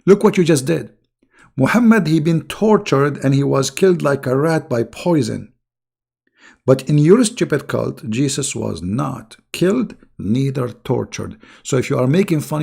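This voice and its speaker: This online religious commentator delivers a mocking, casual monologue, taunting and insulting as he rambles. His gravelly voice is hoarse, as though he's losing it, and it sits in the mid-range with a slightly mellow quality.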